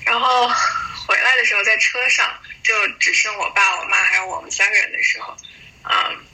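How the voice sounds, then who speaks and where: Woman in her 30s from china, really bright voice, slow hesitant story on a voice call. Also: medium pitch, fairly even intonation, slightly rough, rough recording. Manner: slow, reflective, hesitant retelling. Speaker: guest sharing a story. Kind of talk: personal storytelling. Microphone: voice call recording.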